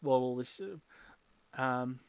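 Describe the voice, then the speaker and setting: A woman's voice: extremely low pitch, slow pace, dry recording. A woman running a tabletop game as game master, casually narrating and explaining rules.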